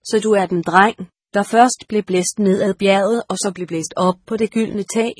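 A woman's voice: mid-range voice, fairly even intonation, breathy edge, no echo, clean studio sound, lightly acted. A woman voicing a pompous, irritable old male monastery steward who scolds and grunts to himself, in an audiobook. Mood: musing. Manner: blustering, scolding, grunts "hmmm". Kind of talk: audiobook character voice.

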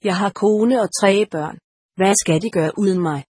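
A woman voicing a big, frightened, burly soldier with a gruff, disbelieving manner in an audiobook. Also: medium pitch, a little mellow, dry recording, clean studio sound, lightly acted. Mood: indignant. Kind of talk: audiobook character reading.

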